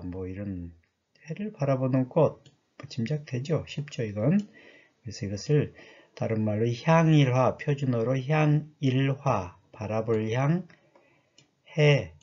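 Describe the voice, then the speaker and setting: Husky-voiced Korean man lecturing on dialects. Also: mid-range voice, darkish tone, muffled recording. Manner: chatty teacher, asks the listener questions. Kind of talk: explanatory lecture over a dialect map.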